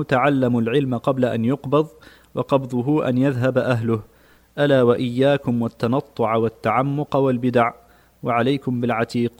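A man reads classical texts aloud for a study session. His delivery is formal and measured, and he keeps a steady pace through long passages. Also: medium pitch. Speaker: student reading texts aloud.

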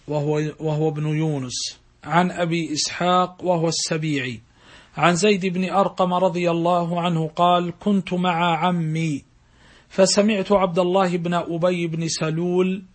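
A man giving a religious lesson in formal standard Arabic, with measured classical diction, as a teacher who recites and explains. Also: fairly high pitch.

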